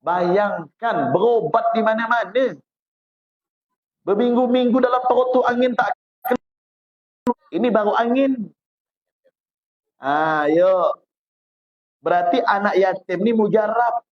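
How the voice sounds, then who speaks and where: A man's voice: high voice, slow pace, pauses often. A man from West Kalimantan with a Malay accent, preaching a sermon in a chatty, teasing storytelling way. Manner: chatty, teasing, jokes with the audience. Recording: dull lo-fi recording.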